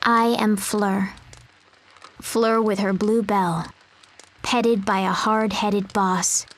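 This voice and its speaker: A woman voicing a timid little animal who poses as a girl, narrating a game story in a soft, measured way. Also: mid-range voice, steady tone, poor audio. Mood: wistful.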